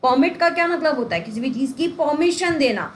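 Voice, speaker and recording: A woman's voice: sits high, lively intonation, fairly quick, a little hiss or hum. A woman teacher giving an exam-prep lesson, explaining with rhetorical questions and everyday examples. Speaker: English teacher. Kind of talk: exam-prep lesson in Hindi-English mix. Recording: echoey room, faint ambience.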